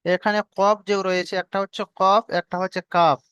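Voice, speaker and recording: A man teaching Quran reading, chanting verses slowly and then spelling out each letter and vowel mark. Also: sits high, little pitch movement, fairly bright tone, clear, resonant tone, no echo, muffled recording.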